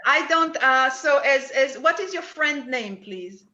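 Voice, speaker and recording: A woman medium giving readings at a service, talking haltingly with many restarts and fillers. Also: high-pitched, lively intonation, pushed and bright, roomy sound, dull audio. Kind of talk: spirit mediumship demonstration.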